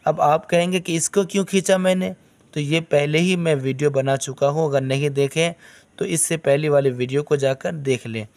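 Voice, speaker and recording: A man's voice: on the high side, moderate pace, darkish tone. A man teaching a beginners' recitation lesson. He explains step by step, asks his own questions and answers them, and drawls the long vowels as he recites. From South Asia.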